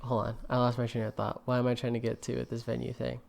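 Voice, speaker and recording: A man co-hosting a laid-back podcast, talking in loose, filler-heavy rambles. He jokes around as he goes, at an ordinary middle pitch. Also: completely flat delivery, fast talker, creaky, a little mellow. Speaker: podcast co-host. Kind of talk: casual chat.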